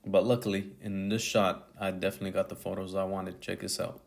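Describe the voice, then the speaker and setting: A man's voice: deep voice, little pitch movement, brisk, creaky. A male photographer narrating his tutorial video as a voice-over, in a casual, slangy way that sounds like thinking aloud. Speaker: photographer and YouTuber.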